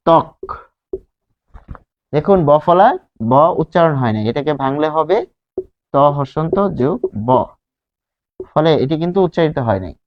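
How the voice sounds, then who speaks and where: Slow, repetitive male teacher, slightly high voice. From Bangladesh. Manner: explains slowly, repeating words and asking questions. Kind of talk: grammar lesson. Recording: dull lo-fi sound.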